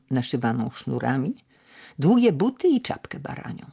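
A man narrating a classic novel in a measured, even reading. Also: on the high side, vocal fry. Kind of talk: audiobook narration.

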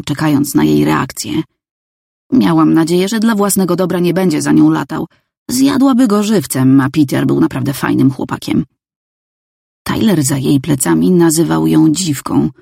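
A woman reading a novel aloud in first person, calm and even. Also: low voice, gravelly, breathy edge, no room sound, studio quality. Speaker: audiobook narrator. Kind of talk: scripted first-person narration.

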